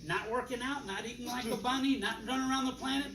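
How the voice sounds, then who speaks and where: A man giving a live product demonstration to an audience, folksy and animated, acting out little dialogues with changing voices. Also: extremely high pitch, fast talker, crowd noise. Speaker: presenter demonstrating water machines. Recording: echoey room, distant mic, loud background noise.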